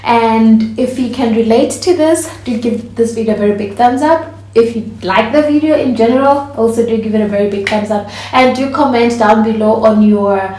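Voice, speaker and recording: A woman's voice: a little high, moderate pace, hardly any pauses, mellow, slight background noise. A woman, chatting casually to camera as a vlogger and laughing often. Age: 20s. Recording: echoey room.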